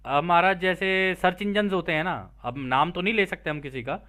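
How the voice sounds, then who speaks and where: A man with a high-pitched, bright and forceful voice, speaking at normal speed, hosts an explainer where he reads a translated text. He keeps stopping to explain it casually, addressing listeners directly and checking in with them often.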